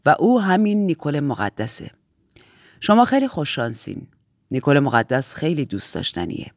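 Woman reader doing a commanding older matron, deep and grave, clipped and measured, dry close sound. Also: very animated, dry recording. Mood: stern. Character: stern, controlled older woman in authority. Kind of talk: audiobook character voice.

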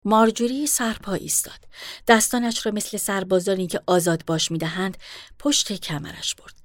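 A woman reading a novel aloud in a measured, even way. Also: mid-range voice, no room sound. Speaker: audiobook narrator. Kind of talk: scripted narration.

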